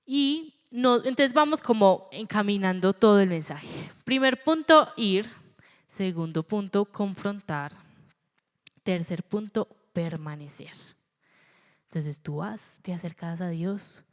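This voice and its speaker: Animated woman preaching in a reverberant hall. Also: medium pitch, slow pace. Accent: Colombian. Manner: animated, acts out quoted voices, stutters for effect. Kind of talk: sermon.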